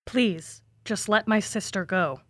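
A woman voicing a sharp-tongued, exasperated young woman in an audio drama. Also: medium pitch, slow pace, no room sound, studio quality. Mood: pleading. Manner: wry, exasperated sarcasm.

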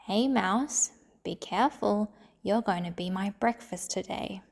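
A woman voicing a hungry, boastful big male lion in a storybook, speaking loudly and bossily. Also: medium pitch, slow, gravelly. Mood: gloating. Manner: loud, gloating, bossy.

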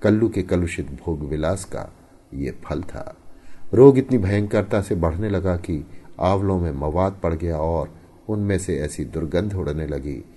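A man narrating a story in an expressive audiobook style, with emphatic rises and hushed falls. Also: deep voice, measured pace, husky.

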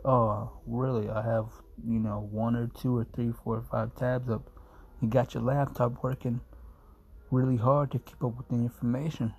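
A man in his twenties vlogs a rambling, laid-back monologue, poking fun at himself and sounding sleepy. His mid-range voice is creaky and warm, with a little hiss or hum in the audio.

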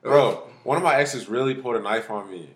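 A man's voice: medium pitch, fairly quick, a bit bright. A man podcast co-host telling stories in casual, slangy frat-bro banter, swearing freely and acting out exchanges.

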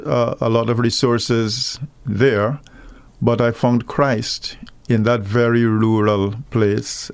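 A middle-aged man from Guyana with a Guyanese accent, speaking as a guest minister on a radio call-in program, earnest and measured. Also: on the low side, vocal fry, clear, resonant tone, no room sound. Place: radio studio.

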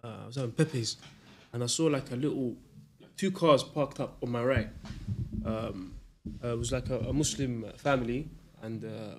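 A man telling a story in a casual chat, animated and slangy. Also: mid-range voice, moderate pace, a little hiss or hum.

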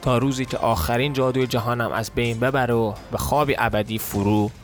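Guy narrating a lore story, even middle voice, soft music behind. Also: medium pitch. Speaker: podcast host and narrator.

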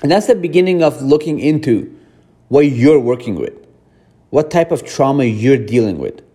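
A man from Afghanistan hosting a podcast, speaking to his listeners in a mellow, warm voice. He talks earnestly and repeats his points. His delivery is reflective and direct, like a self-help monologue. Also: medium pitch, lively intonation, moderate pace. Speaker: podcast host.

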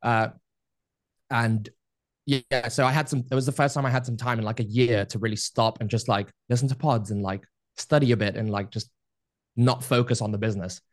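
A man's voice: medium pitch, fairly quick, no echo. Rambling man telling his story, dry sound. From Spain. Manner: relaxed, rambling, many fillers. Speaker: podcast guest. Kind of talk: casual interview storytelling.

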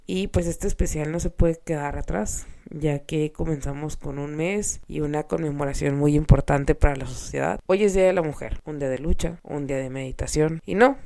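A woman's voice: deep voice, creaky, warm tone. A woman with a nasal, congested voice, sounding sick, hosting a semi-scripted podcast monologue in an earnest way with informal asides. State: sick with a cold. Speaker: podcast host, clinical psychologist.

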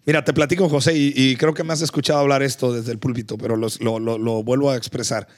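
A man's voice: mid-range voice, flat delivery, fast. A man, a pastor, talking in a casual faith conversation, telling his story with earnest feeling and stumbling over repeated words.

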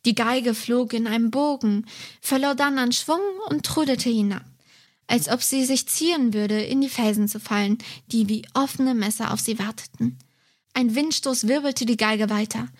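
Woman reading a story aloud, slightly high. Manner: steady, measured storytelling. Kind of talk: reading a novel excerpt aloud.

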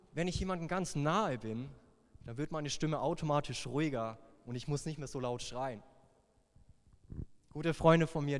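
A young man preaching a sermon, playful and lively, dropping to a hushed voice for tender lines. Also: on the high side. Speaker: youth pastor. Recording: long hall reverb.

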